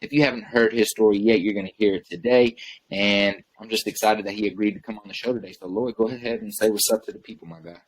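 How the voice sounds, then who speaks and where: A man hosts a podcast in a friendly, easygoing way, his voice on the low side. He asks long, rambling questions and calls his guest brother. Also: steady tone, fast, poor audio. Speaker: podcast host. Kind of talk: casual interview hosting.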